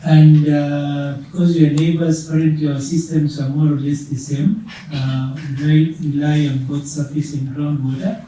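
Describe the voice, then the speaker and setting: Brief: man, workshop participant, dark and flat, heard from across an echoey room. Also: a little high, moderate pace, hardly any pauses. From Kenya. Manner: hesitant, frequent "uh". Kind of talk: speaking up in a group discussion. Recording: echoey room, distant mic, faint hum.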